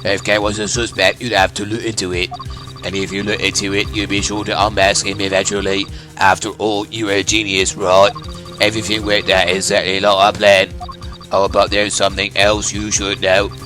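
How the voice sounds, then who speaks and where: A man's voice: fairly low pitch, level tone, moderate pace, music in the background, voice pushed down. A man voicing a mocking, gloating phone caller whose voice comes through a voice changer. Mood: taunting. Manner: smug, teasing, taunting. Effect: voice changer over a phone line. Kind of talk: fan voice-over of a game.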